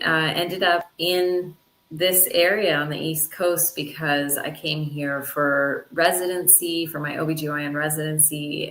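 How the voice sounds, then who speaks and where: Low-voiced woman in an echoey room. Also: a bit bright. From Canada. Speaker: physician guest. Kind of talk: interview answers.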